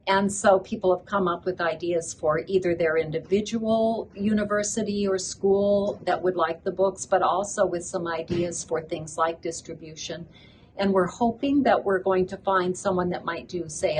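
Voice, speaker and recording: A woman's voice: on the low side, slight background noise, low-quality recording. An older woman who grew up in Ethiopia, a children's book author, speaking earnestly as an interview guest at a conference. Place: conference venue.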